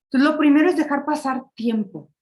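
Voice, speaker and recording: A woman's voice: high voice, brisk, a little mellow, low-quality recording. A woman giving a conversational online lecture on leadership, often ending points with a questioning tag and laughing. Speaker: speaker of an online leadership session.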